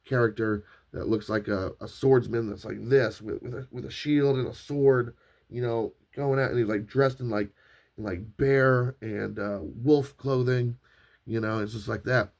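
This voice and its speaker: A podcast host with a steady, mid-range voice speaks at a moderate pace, telling a long personal story as a casual monologue. He rambles, restarts often, and leans heavily on fillers like "like" and "right".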